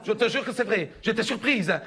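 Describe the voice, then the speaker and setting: A chatty middle-aged mother with a Belgian French accent pours out her grievances, dropping "hein" and "écoute bien" as she goes, as a man voices her on stage. The voice sits high and bright. She confides in the listener like a neighbour over the fence. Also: animated, a little fast, creaky, slight background noise, full character voice. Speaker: stand-up comedian in character. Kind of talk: stand-up character monologue.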